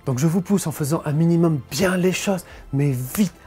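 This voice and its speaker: Guy coach, warm mellow voice, pushing you hard to go for it, soft music behind. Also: fairly high pitch, moderate pace. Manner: emphatic, coaching, addresses listener directly. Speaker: motivational coach. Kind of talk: motivational talk.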